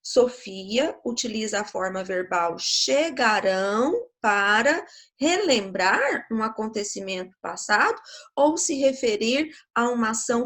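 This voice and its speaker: A woman teacher with a Brazilian Portuguese accent walks schoolchildren through a grammar lesson. She speaks slowly and patiently, in a fairly high voice. She keeps checking in with quick tag questions. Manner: slow, patient, explanatory, checking with "né?" and "tá?".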